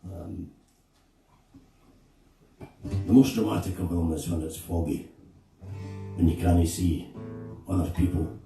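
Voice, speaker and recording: Slow, gravelly Scottish man telling a story. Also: low voice, mellow. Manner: slow, halting, reflective storyteller. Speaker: singer-songwriter. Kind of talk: storytelling between songs at a live gig. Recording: echoey room, distant mic, guitar behind.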